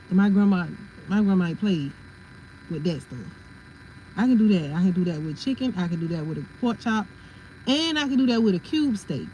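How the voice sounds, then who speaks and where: A woman's voice: mid-range voice, warm tone, slight background noise, low-quality recording. A woman hosting a casual livestream, chatting and laughing as she answers viewers' comments. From family from South Carolina. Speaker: livestream host.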